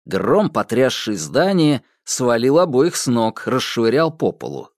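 A man narrating a fairy tale audiobook, expressive and acting out voices. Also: mid-range voice, unhurried, no room sound, studio quality. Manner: expressive storytelling, acts out voices.

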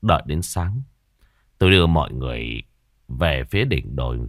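A man voicing a worried middle-aged mandarin father who speaks low, hushed and measured. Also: expressive, no room sound, clean studio sound. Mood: grave hushed.

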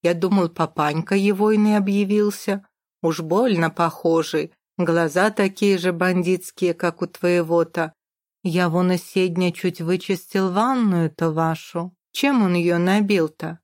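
A woman's voice: on the low side, fairly even intonation, unhurried, a little mellow, no echo, clean studio sound, close to an everyday voice. A woman reading aloud and voicing a local drunk man who talks in rustic slang. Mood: gossiping. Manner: rustic slang, gruff eager. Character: local drunk man, rough folksy speech.

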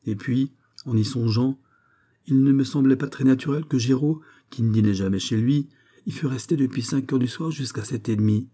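A man reading a nineteenth-century short story aloud in a measured, steady narrating manner. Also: medium pitch. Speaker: audiobook reader. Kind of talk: literary audiobook narration.

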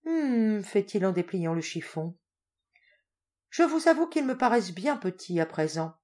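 A woman's voice: mid-range voice, sing-song, measured pace, darkish tone. A woman reading an audiobook, voicing a teasing male salesman who plays a prank with exaggerated, mock-polite courtesy.

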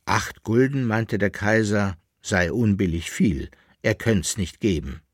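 A man narrates a historical novel with calm, deliberate phrasing. His voice is low and he takes his time, recorded close and dry with no room sound. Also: breathy edge, no echo. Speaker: audiobook reader. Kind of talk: literary narration.

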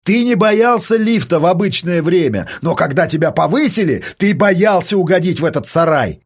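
A cold, provocative psychologist, as a male reader plays him, taunting calmly with a husky edge. His pitch rolls up and down with relish as he needles his victim. Read aloud in a storybook voice. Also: unhurried, heavily acted. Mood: coolly taunting. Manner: calm, mocking, taunting.

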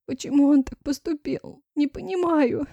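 A woman's voice: high voice, normal speed, creaky, mellow, dry recording, highs cut off, pitched above the performer's own voice. A woman reader voicing a grieving young heroine who pleads and protests through tears in an audiobook. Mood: distraught. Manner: pleading, distraught.

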